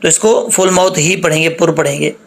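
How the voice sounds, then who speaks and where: A man teaching Quran recitation step by step. He patiently corrects common mistakes and spells out letters, drawing the sounds out slowly. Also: fairly high pitch, steady tone, vocal fry. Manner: spells out letters and drags out sounds in slow demonstration.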